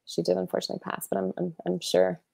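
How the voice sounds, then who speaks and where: A woman's voice: fairly low pitch, completely flat delivery, fast talker, gravelly, darkish tone, husky, no echo. A woman in her thirties, an author being interviewed over a video call, talking casually with lots of fillers and restarts. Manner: chatty, many fillers and restarts. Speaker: author and illustrator guest.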